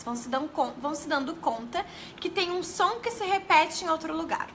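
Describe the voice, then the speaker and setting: Bright-voiced woman teaching live. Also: very high-pitched, a little hiss or hum. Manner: chatty, addresses viewers as "gente", self-corrects often. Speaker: teacher giving a live class. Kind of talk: casual live-stream teaching.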